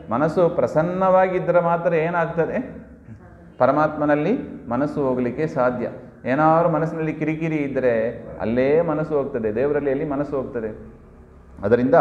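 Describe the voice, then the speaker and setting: A man giving a devotional discourse, often asking his listeners questions and answering them himself, and now and then chanting Sanskrit verse. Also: a little high. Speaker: religious discourse speaker. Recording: echoey hall, dull lo-fi sound.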